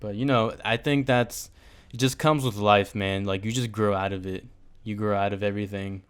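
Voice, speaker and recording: Smooth-voiced young man chatting casually. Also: lowish voice, moderate pace. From United States. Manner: rambling, joking, animated asides. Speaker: podcast host. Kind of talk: casual solo chat.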